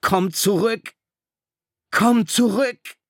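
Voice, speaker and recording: A man voicing a desperate teenage boy who shouts frantically, his voice cracking. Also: high-pitched, extremely slow, no echo, studio quality, pitched above the performer's own voice, full character voice.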